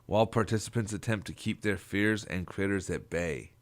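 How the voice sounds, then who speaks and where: Low-pitched man in halting casual banter. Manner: halting, repeats himself with frequent 'like'. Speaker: podcast co-host. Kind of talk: casual chat, joking banter.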